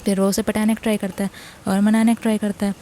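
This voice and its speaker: Woman doing a chatty drama recap, mellow soft voice, middle pitch, scene by scene. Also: little pitch movement, fast. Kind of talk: casual story recap.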